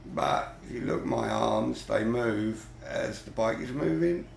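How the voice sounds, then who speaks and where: A man with a heavily gravelly, fry-filled voice gives unhurried, grumbling running commentary while gaming. He talks in a lowish register and swears mildly now and then. The room around him rings with noticeable echo. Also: slight background noise. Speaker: vlogger.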